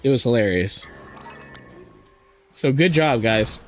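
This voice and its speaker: A man streaming a video game with a hoarse, sore throat, chatting and joking with his viewers over faint music. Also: medium pitch, lively intonation, slow. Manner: chatty, joking, reads and answers chat. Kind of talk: casual live-stream chat while playing.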